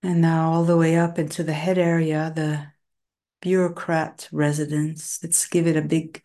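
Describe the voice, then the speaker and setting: A woman guiding a body relaxation and breathing session, speaking slowly and soothingly in short phrases with long pauses, sometimes dropping to a soft whisper. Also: sits low, little pitch movement. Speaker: meditation guide.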